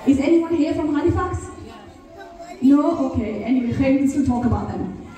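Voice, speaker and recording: A woman's voice: sits high, expressive, moderate pace, mellow, far from the mic. A woman from Bradford, an Islamic teacher giving an earnest religious talk to a gathering and keeping the audience engaged with questions. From Bradford, England. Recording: echoey hall, voice from afar.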